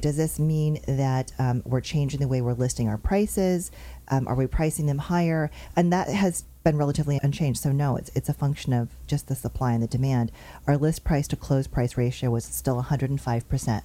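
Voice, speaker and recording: A woman with a low, mellow voice hosts a show and also works as a real estate agent. Her chatty monologue on market figures is brisk and upbeat as she reels off numbers.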